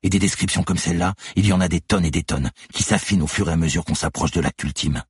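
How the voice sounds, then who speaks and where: A man's voice: deep voice, quick pace, breathy edge, dry recording, studio quality. A man voicing a relentless woman police detective who lays out her accusations steadily and methodically in an audiobook. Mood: accusing, cold. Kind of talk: audiobook character voice.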